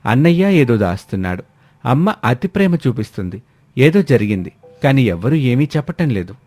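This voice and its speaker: A man narrating a family story in a steady, expressive storytelling manner. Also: medium pitch, moderate pace.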